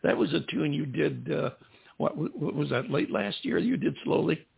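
An older man hosts a casual interview in a gravelly, husky voice with an easygoing, joking manner. His voice comes through a thin, phone-like line at a middle pitch. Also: animated, normal speed. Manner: easygoing, jokey banter. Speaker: show host.

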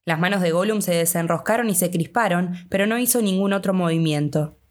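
Female audiobook narrator, Rioplatense accent, measured delivery, low-ish voice. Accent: Rioplatense Spanish. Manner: steady, measured reading. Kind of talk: scripted narration.

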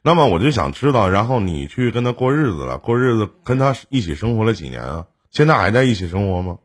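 Husky joking man. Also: on the low side, big pitch swings, fast. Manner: joking, teasing asides to the audience. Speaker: advice show host. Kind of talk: casual call-in advice chat.

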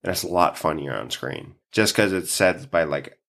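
A man's voice: low voice, lively intonation, normal speed, vocal fry, a bit bright. A man hosting a podcast in casual chat, stuffy from allergies, who swears often and laughs a lot. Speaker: podcast host.

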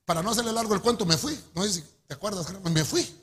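A middle-aged man with a Honduran accent preaching a testimony sermon, telling his story in an animated way and calling his listeners brother. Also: sits high, fast talker, slightly rough. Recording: echoey hall with long reverb.

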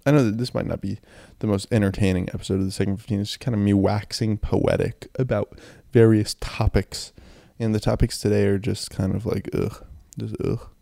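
A young man with a phlegmy, sick throat rambles in a low-key way as he hosts a casual solo podcast into a close handheld mic. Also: fairly even intonation, fairly quick, creaky, hardly any pauses, warm tone, no echo. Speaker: podcast host. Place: in bed, indoors. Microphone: handheld mic and audio recorder, close.

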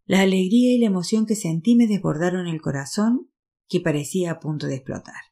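Woman reading a novel aloud, low warm voice, steady first-person storytelling. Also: brisk. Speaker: narrator.

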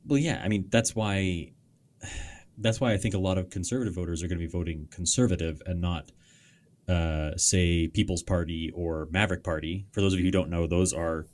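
A man's voice: deep voice, steady tone, normal speed, a little mellow. A Canadian man co-hosting a podcast, explaining politics in casual chat with a sarcastic edge. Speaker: podcast co-host.

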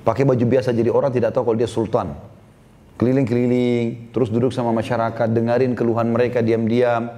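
A man's voice: mid-range voice, level tone, fast, dark tone. A man preaching a sermon as a story, acting out the voices of the people in it and speaking directly to his listeners.

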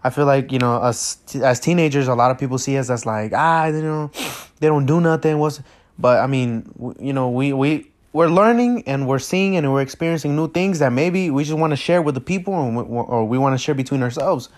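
A man's voice: mid-range voice, fairly quick. A teenage boy from Mexico hosts his own podcast for the first time. He rambles nervously, restarts his sentences and leans on fillers. He is recorded without a proper microphone. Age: teens. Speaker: podcast host. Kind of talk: casual solo podcast intro. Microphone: no proper mic.

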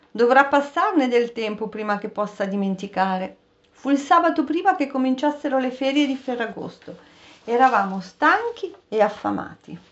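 A woman narrating a story aloud as an audiobook reader, in a steady, expressive storytelling manner. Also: a little high. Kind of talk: scripted narration. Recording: dull, muffled recording.

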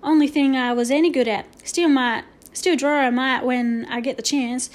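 A chatty frontier cowboy with a twangy, folksy drawl, as a woman puts him on for a storybook. His voice sits high and bright, rising well above the narration. He sounds proud and talkative. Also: moderate pace, natural voice.

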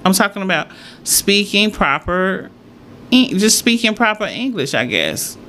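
A woman talks casually to her followers in a conversational way. Her voice is medium-pitched, and she thinks aloud, restating points for emphasis. There is faint noise and room ambience behind her. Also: big pitch swings, measured pace, fairly bright tone. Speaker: solo host.

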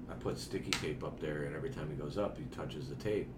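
A man's voice: rumbling low, quick pace. Loose, profane forty-year-old man. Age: 40s. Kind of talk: casual chat. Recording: roomy with background noise.

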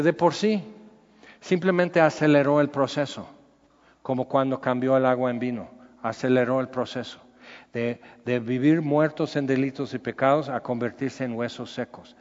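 A man preaching a sermon, animated, acting out the voices he quotes. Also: fairly high pitch. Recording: dull sound in a reverberant hall.

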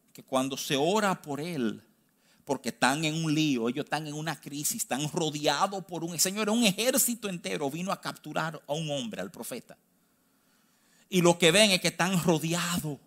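A man with a Dominican accent preaching a sermon, stressing key phrases slowly and then rushing through quick asides. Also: fairly high pitch, a bit bright. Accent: Dominican Spanish. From Dominican Republic. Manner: emphatic, swinging between slow stressed phrases and quick asides.

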